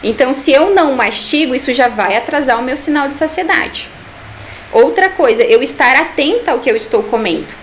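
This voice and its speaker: A woman's voice: high voice, expressive, brisk, slight background noise. A Brazilian woman, a nutritionist, answering interview questions with patient explanations and rhetorical questions. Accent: Brazilian Portuguese. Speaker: nutritionist and eating therapist.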